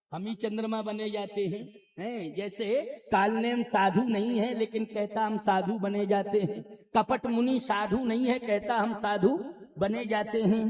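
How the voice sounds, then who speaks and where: A man's voice: high voice, a little mellow. A man preaching a devotional sermon, telling a scripture story, singing its verses drawn out and asking the audience questions. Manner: sings verses slowly, drawn out. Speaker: spiritual preacher. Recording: echoey hall with music behind.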